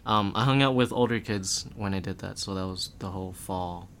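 A young man chatting casually as a podcast guest, talking in a relaxed, rambling way with lots of filler words. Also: low-pitched, brisk. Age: young adult.

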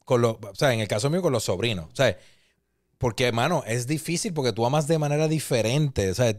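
A man's voice: medium pitch, fairly quick. A young man, teasing his brother and joking in casual chat as a podcast co-host. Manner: teasing, boastful banter.

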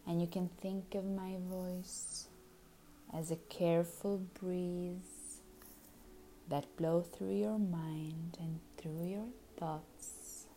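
Very slow soothing woman, half-whispered. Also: fairly low pitch, steady tone, dark tone, a little hiss or hum, rough recording. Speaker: hypnotherapist. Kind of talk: guided hypnosis session.

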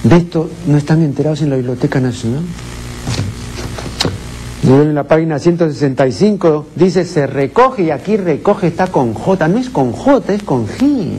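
A man's voice: a little high, expressive, normal speed, background noise. A man from Peru giving pedantic, indignant critical commentary, often asking rhetorical questions.

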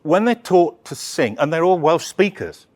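Male presenter, conversational Q&A, halting delivery with frequent restarts. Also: on the high side, sing-song, darkish tone. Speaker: opera project presenter. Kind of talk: answering audience questions. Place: live talk session.

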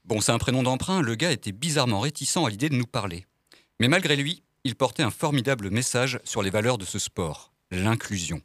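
A man's voice: medium pitch, animated, fairly quick, fairly bright tone. A man co-hosting, reading scripted comic narration in a wry, playful way. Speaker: co-host narrator.

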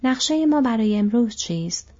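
Perky, nosy young male hobbit, read by a woman; breathy, dull audio. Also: a little high, pitched above the performer's own voice. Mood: curious. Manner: lively, prying. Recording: dull lo-fi recording.

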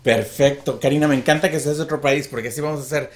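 A man's voice: on the high side, steady tone, quick pace. Chatty Mexican radio host man. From Mexico City. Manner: upbeat, chatty, affectionate. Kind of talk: casual chat.

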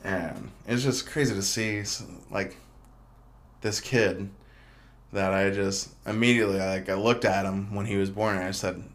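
With a lowish voice, fairly even intonation and a measured pace, a young podcast host talks on his own in a loose, rambling way, full of fillers and restarts.

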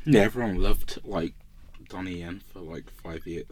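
Man, very deep voice, blunt and sweary, group chatter behind. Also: normal speed. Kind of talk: casual chat among friends.

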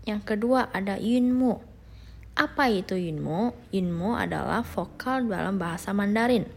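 Young woman, language teacher, unhurried and slightly breathy, patient drill delivery. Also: medium pitch, a little mellow. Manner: patient, repeats drills, asks listeners to follow along. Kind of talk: beginner language lesson.

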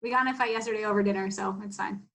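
A young woman in casual chat, frank and relaxed, saying "like" often. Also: mid-range voice, racing.

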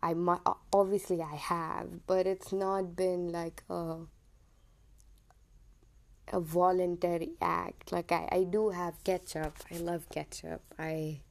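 Taking her time, a young woman from India hosts her own podcast in a lowish voice with vocal fry and little pitch movement. Her Indian English accent shifts toward American. She speaks hesitantly in a personal monologue, often saying um and correcting herself.

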